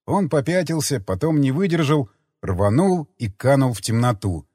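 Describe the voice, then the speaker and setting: A man narrating an audiobook with a dramatic, lively delivery. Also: medium pitch, moderate pace, husky, dry recording, studio quality.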